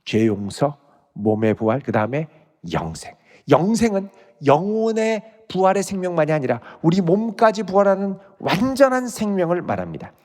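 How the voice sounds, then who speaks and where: A man's voice: sits high, very animated, moderate pace, a little mellow. A male pastor giving an expository sermon, reading scripture aloud and explaining it verse by verse. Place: church sanctuary. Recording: church sanctuary with long reverb.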